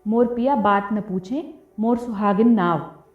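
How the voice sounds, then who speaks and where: A woman voicing a sharp-tongued young village wife who taunts with sarcasm. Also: medium pitch, unhurried, lightly acted. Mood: taunting. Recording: tinny phone-like audio, roomy, faint music.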